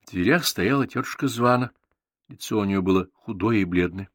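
Calm male audiobook narrator, dry sound. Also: lowish voice, fairly quick, no room sound. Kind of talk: scripted narration.

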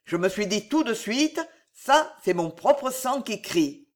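A reader voicing an old, blunt soldier father in an audiobook, with gruff, loud oaths. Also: mid-range voice, very animated, slow pace. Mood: jubilant. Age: older. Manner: gruff, exclamatory, full of oaths. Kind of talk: audiobook reading.

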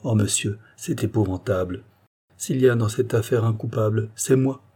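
A man's voice: lowish voice, moderate pace, mellow, husky. A man reading a novel aloud, voicing a distressed young woman who pleads earnestly for her brother. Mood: anxious pleading.

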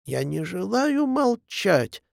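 Brief: man voicing a brash, drunken male echo spirit, high and yelling, dry read. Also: animated, slow pace, gravelly, exaggerated voice. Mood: shouting. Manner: shrill, brash, shouting battle cries.

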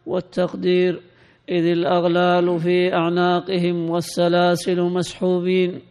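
A man reading a classical text aloud to his teacher in a steady, lilting recitation. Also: high voice, normal speed, smooth, long reverb tail.

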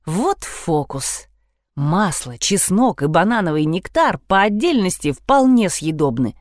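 A woman reading a humorous first-person novel aloud in a wry, animated manner. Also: on the low side, normal speed, dry recording, clean studio sound. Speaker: audiobook narrator. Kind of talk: expressive narration of an ironic novel.

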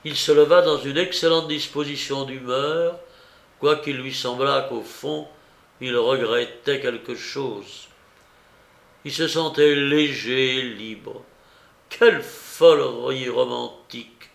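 A male audiobook reader narrating a classic novella in a measured, grave manner. His voice is gravelly and his delivery unhurried. The reading sounds roomy, with a noticeable echo. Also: mid-range voice, fairly even intonation, a bit bright. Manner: slow, measured, grave storytelling. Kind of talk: scripted literary narration.

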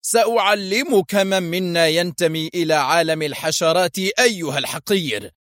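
A brutish, short-fused intelligence officer barks threats, as a man voices him with a raised, rough-edged read. The sound is dry and close, a storyteller acting the villain's henchman. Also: sits high, moderate pace, a bit bright, no room sound, pitched above the performer's own voice. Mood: angry. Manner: harsh, angry. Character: brutish male intelligence officer, hot-tempered.

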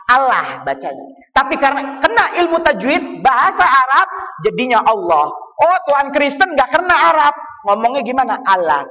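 Guy preaching to a crowd, high voice, keeps asking questions and answering them, sounds far off and kinda muffled. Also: pushed and bright. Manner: asks the audience questions and answers them himself, playful. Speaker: Islamic preacher. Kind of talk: lively religious lecture to a congregation. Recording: echoey hall, far from the mic, dull sound.

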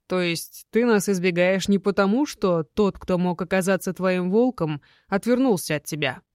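A woman's voice: lowish voice, moderate pace, darkish tone, no room sound, clean studio sound, close to an everyday voice. A woman reading an audiobook and voicing an intense, jealous young werewolf man who keeps pressing with questions. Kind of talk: audiobook character voice.

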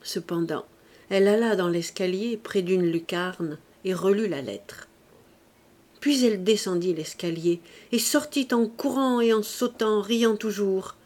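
A woman reading a classic novel aloud as an audiobook narrator, in clear, even scripted narration. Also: medium pitch, measured pace.

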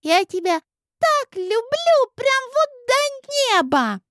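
A man's voice: extremely high pitch, big pitch swings, slow, a bit bright, no room sound, clean studio sound, voice pushed up, full character voice. A man reading an audiobook, voicing a sweet, affectionate little girl in a tender childlike voice. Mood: tender, loving. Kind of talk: audiobook narration.

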